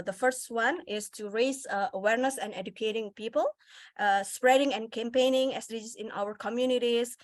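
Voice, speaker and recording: A woman's voice: medium pitch, dry recording. A woman from Indonesia, not speaking her first language, giving a presentation to an audience, with many fillers and restarts. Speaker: speaker presenting on the goals at a festival session.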